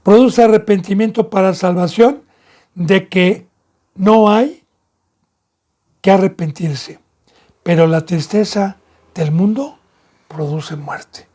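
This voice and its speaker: A man's voice: high-pitched, takes it slowly, long pauses. A man, a pastor giving an emphatic sermon that leans into vivid storytelling. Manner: emphatic preaching, acting out shouted scenes.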